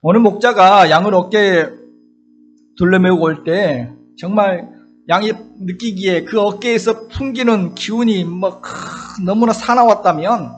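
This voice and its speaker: A middle-aged man preaching an earnest sermon as pastor, swinging between loud urgent lines and soft low asides. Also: low-quality recording. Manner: acts out tender and scolding voices when quoting.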